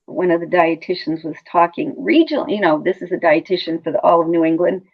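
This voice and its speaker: A middle-aged woman speaks in a fairly low voice over a narrow, phone-like connection. She sounds like a nurse in an interview, talking conversationally and repeating words to stress her point. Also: fairly quick, vocal fry. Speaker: hospice nurse interview guest. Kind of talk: conversational personal storytelling. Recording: muffled phone-like line.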